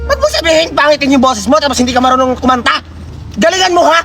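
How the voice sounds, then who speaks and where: A woman voicing a bossy older woman who scolds children loudly and hands out Christmas gifts. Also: sits high, sing-song, fast talker, vocal fry, full character voice. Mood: scolding. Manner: scolding, loud, blunt. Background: background music.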